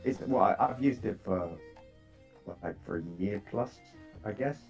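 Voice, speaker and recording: A man chatting casually about coding setups, bouncing between thoughts with lots of fillers and restarts. His voice sits a little low and comes through a laptop microphone, with faint guitar music in the background. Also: measured pace, vocal fry, darkish tone. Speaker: software developer chatting on a call. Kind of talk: casual chat.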